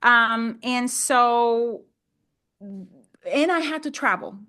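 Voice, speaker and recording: Slightly high and expressive, this woman's voice is bright and forceful and very slow. She's a middle-aged Honduran native Spanish speaker and land investor, conversing as a podcast guest and repeatedly rephrasing herself.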